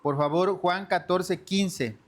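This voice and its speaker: Guy preaching a bible lesson, earnest, kinda high voice. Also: takes it slowly. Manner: earnest, calls the listeners brothers and sisters often. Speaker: church teacher. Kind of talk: sermon lesson to a congregation.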